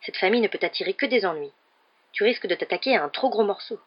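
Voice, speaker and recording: A woman's voice: mid-range voice, lively intonation, quick pace, husky, muffled recording. A woman doing a fussing witch mother. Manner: fussing, warning.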